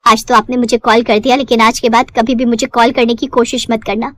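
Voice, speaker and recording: A woman's voice: fairly high pitch, level tone, a little fast, a bit bright, dry recording, natural voice. A woman voicing a young bride who speaks coldly and reproachfully to her greedy family. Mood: bitter. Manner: cold, reproachful.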